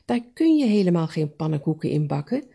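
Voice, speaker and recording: A woman voicing a cautious, clever hare who speaks in hushed, urgent tones. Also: low voice, big pitch swings, a little fast, creaky, slightly rough, full character voice.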